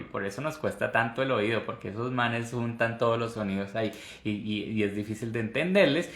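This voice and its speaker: A man's voice: mid-range voice, fairly bright tone. Man teaching English, echoey room. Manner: explains patiently, repeats example phrases slowly; switches between Spanish and drilled English phrases. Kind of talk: live online English lesson.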